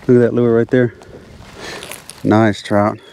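A man narrating his fishing trip from a kayak outdoors, excited and repeating himself, a bit out of breath from the heat. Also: mid-range voice, slow pace, gravelly, a little hiss or hum. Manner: excited, repeats phrases, drops to hushed whispers when sight casting. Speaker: fishing channel host. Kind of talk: casual outdoor narration to camera. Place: kayak on open water outdoors.

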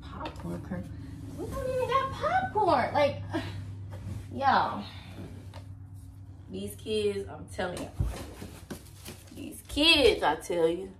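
A woman's voice: medium pitch, huge pitch swings, takes it slowly, pauses often. Chatty woman in an echoey bedroom. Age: 30s. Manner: chatty, exclaiming, talks to viewers as y'all. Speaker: cleaning vlogger. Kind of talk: casual chat to camera while cleaning. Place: small carpeted kid's bedroom, indoors. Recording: echoey bare room with background noise.

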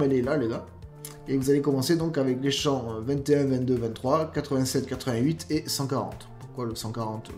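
A man's voice: mid-range voice, darkish tone. A man with an accent, casually commenting over gameplay as he reviews game mods, with lots of fillers and friendly asides to his viewers. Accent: non-standard French accent. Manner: chatty, many fillers, addresses viewers as guys. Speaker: gaming YouTuber reviewing mods.

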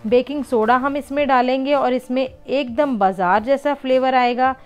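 A woman with a smooth, high-pitched voice and moderate pace narrates a home cooking video over faint music. Patient throughout, she explains each step of the recipe and often refers to her viewers as friends.

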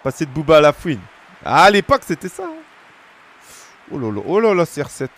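A man's voice: on the high side, wildly swooping pitch, brisk, a bit bright. A man in his thirties from France, streaming a football game and bantering with his chat in slangy, joking asides. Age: 30s. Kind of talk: casual gaming stream chat.

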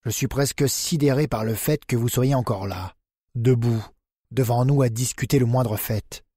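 A man's voice: mid-range voice, moderate pace, dark tone, no echo, clean studio sound, lightly acted. Man voicing a blunt, accusing man. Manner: hard, categorical.

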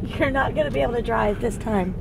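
A woman's voice: on the high side, brisk. A middle-aged woman chatting casually as a mother, coaxing and giving instructions with some amusement. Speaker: mother looking after her son. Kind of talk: casual chat. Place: inside a car. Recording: clear car and road noise.

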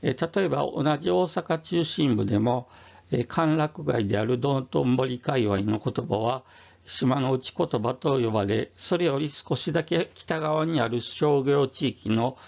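A man with an Osaka accent talks through a history topic in a slow, formal manner and keeps pausing on "um". His voice is deeply gravelly and full of fry. The recording sounds muffled and lo-fi. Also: darkish tone. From Osaka, Japan. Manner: measured, formal, many "um" fillers. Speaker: YouTube history presenter. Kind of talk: explanatory monologue.

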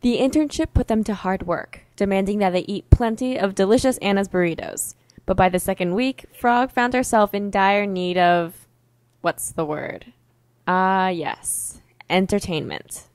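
A woman's voice: mid-range voice, measured pace, no echo, poor audio. Woman narrating wryly in a dry, close sound. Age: young adult. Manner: wry, deadpan mock-heroic storytelling. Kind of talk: mock-epic storybook narration.

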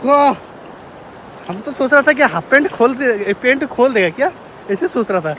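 A man's voice: very high-pitched, lively intonation, normal speed, bright, forceful tone, slight background noise. A young man vlogging outdoors by a river, chatty and playful, laughing often, recorded on a phone held at arm's length. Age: young adult. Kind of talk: casual outdoor vlog chat. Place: outdoors by a river and on a village road. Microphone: phone camera at arm's length.

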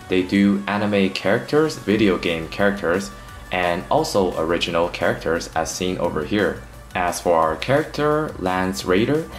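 Deep-voiced man narrating a toy review.

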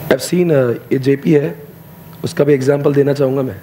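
A man's voice: mid-range voice, fairly even intonation, normal speed, warm tone, slight background noise. A young adult man speaking to students as their teacher, telling a story in an emotional motivational speech and switching between Hindi and English phrases.

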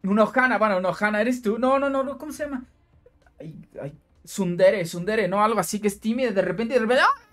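A woman reacting to a manga chapter, excitable and quick to laugh or exclaim, often searching for words. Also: mid-range voice, soft background music. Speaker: manga reaction channel host. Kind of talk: casual manga reaction, reading dialogue aloud.

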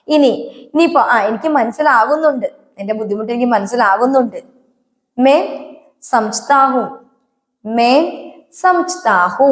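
A woman with a high voice teaches a spoken language lesson, saying each phrase slowly and more than once. She keeps asking her listeners if they remember or understand. The room around her sounds echoey. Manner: patient, repeats each phrase slowly, asks quiz questions. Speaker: Hindi teacher.

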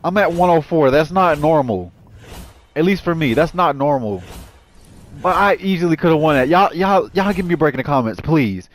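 At a normal speed and with an expressive voice, a gaming-channel host narrates his own gameplay in a nervous, jittery way, talking directly to his viewers. When danger hits, he breaks into high, panicked yelling.

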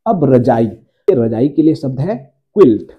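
A man teaching English grammar to his viewers, slowing down to repeat each example sentence. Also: medium pitch, lively intonation, lo-fi sound. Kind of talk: Hindi-language grammar lesson.

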